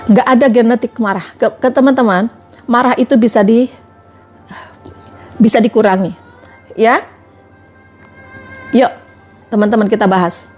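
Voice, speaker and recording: Woman trainer, high voice, preachy live-stream advice, faint music underneath. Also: a little slow, pauses often, darkish tone. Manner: fires repeated rhetorical questions at listeners; addresses viewers directly, coaxing. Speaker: motivational trainer.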